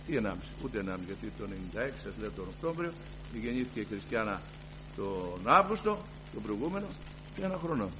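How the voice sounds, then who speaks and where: A man giving a fervent personal testimony to a congregation, moving from hushed storytelling to loud declarations. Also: fairly low pitch, sing-song, noisy background. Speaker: church member giving testimony.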